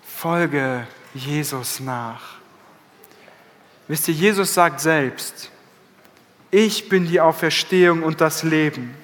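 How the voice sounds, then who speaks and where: A man preaching an Easter sermon with dramatic emphasis, often slowing his words down. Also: fairly high pitch, a bit bright. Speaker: pastor. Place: church hall. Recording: church hall reverb.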